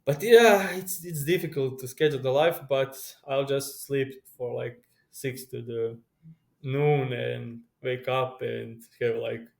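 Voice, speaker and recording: Young Croatian man, eager, halting speech. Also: mid-range voice, gravelly. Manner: eager, rambling, halting with many restarts. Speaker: guest, pro sports bettor. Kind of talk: casual interview chat.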